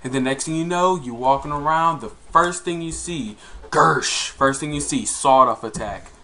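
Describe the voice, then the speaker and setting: A man's voice: fairly high pitch, normal speed, sharp tone. A man co-hosting a casual gaming podcast, rambling and swearing as he talks. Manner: rambling and profane. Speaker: podcast co-host.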